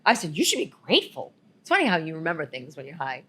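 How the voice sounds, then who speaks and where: Woman podcast co-host, animated and giggly, husky-breathy tone. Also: deep voice, fast. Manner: giggly, rambling, animated storyteller. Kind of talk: casual storytelling chat.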